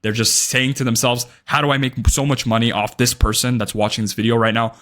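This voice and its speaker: A young day trading vlogger, about twenty, speaks straight to camera with blunt, emphatic advice, swearing freely and often capping points with "right?". His medium-pitched voice is steady, fairly quick, and fairly bright.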